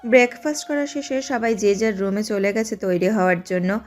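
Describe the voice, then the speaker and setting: A woman giving steady, scripted narration of an audio drama. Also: mid-range voice, moderate pace, soft background music. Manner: steady storytelling.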